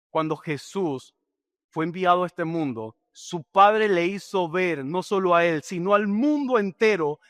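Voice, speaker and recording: A man's voice: sits high, fairly bright tone, dry recording, studio quality. A middle-aged man preaching a sermon as a pastor, speaking directly and asking rhetorical questions.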